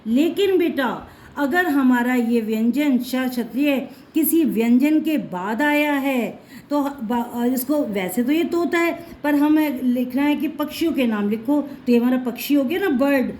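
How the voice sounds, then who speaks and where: High-voiced woman teaching Hindi letters. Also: expressive, unhurried, a little mellow, slight background noise. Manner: patient, repeats each sound, calls listener "beta". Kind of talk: children's lesson on letters.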